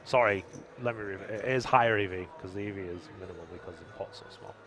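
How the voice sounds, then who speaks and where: A man's voice: low-pitched, quick pace, a bit bright. A man commentating a live poker stream, joking and reading viewer chat aloud.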